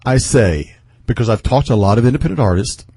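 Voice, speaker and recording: A man's voice: mid-range voice, animated, quick pace, dark tone, breathy edge, no echo. A man with a Midwestern accent hosting a radio interview, rambling with many fillers and restarts. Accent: Midwestern American. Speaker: radio host.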